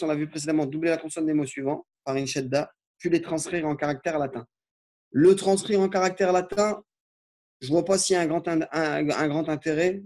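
A man teaching an Arabic lesson, patiently walking through exercises and slowly spelling out Arabic words. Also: fairly high pitch, darkish tone. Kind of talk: classroom lesson explaining exercises.

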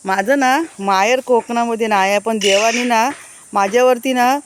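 A woman's voice: on the high side, steady tone, normal speed, noisy background. Chatty woman giving an outdoor garden tour. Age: adult, married. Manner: chatty, keeps pointing things out to viewers. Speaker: vlogger. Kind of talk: casual walking tour vlog. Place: outdoors among village gardens and trees.

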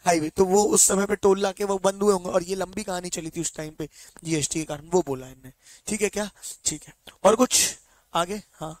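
High-voiced male teacher quizzing his class. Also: no room sound. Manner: keeps quizzing students with quick check questions; mixes Hindi with slow English read-outs from the text. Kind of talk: online exam-prep lecture.

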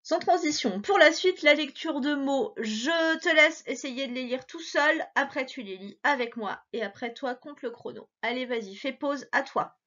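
A woman teacher giving a recorded reading lesson to a child, encouraging and playful, stretching out words slowly. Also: high voice, fairly bright tone, muffled recording. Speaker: primary school teacher.

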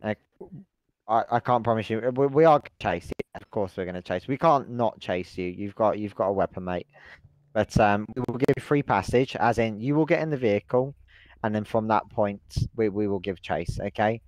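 A man's voice: on the low side, a little fast, darkish tone, no room sound, low-quality recording. A British man playing a police negotiator in a game role-play, bargaining in a matter-of-fact, conversational way.

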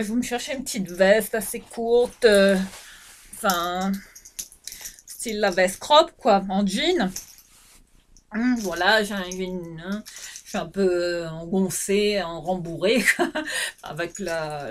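A middle-aged woman chatting through a casual clothing haul vlog, her pitch sitting mid-range. She rambles and restarts often, filling gaps with hesitations. Recorded at home on a camera microphone. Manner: rambling, lots of fillers and restarts. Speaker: fashion vlogger.

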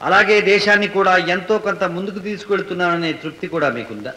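An actor playing a sharp, insistent lawyer cross-examining witnesses in an old film. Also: male voice, high voice, expressive, fast. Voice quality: probing, insistent. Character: sharp probing male defence lawyer. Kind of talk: 1970s Telugu film acting. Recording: echoey old film soundtrack.

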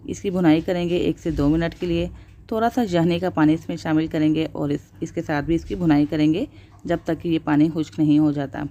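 Low, mellow-voiced woman cooking narrator. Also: dull audio. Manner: steady instructional narration with religious blessings. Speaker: cooking channel host. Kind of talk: voice-over cooking tutorial.

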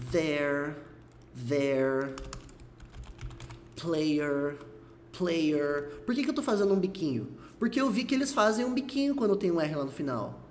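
A man from Brazil giving a casual video lesson on English pronunciation, lively and repeating example words slowly to demonstrate. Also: high-pitched. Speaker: English teacher.

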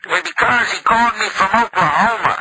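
A man's voice: high-pitched, sing-song, fairly quick, vocal fry, sharp tone, a little hiss or hum. A man making a prank phone call, hurling taunts and insults at the person on the line. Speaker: prank caller.

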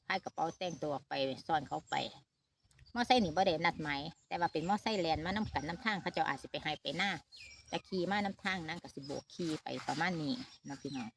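A middle-aged vlogger mother from Northeast Thailand, with an Isan Thai accent, gives a casual family vlog update, filming outdoors on a handheld phone camera at a shaded farm. She talks fast in a low voice, chatty and full of fillers, speaking straight to her viewers. Background noise is audible.

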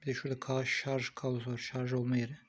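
Filming on his phone, a man talks through unboxing and installing a product in an informal, think-aloud review. He speaks quickly in a mid-range monotone.

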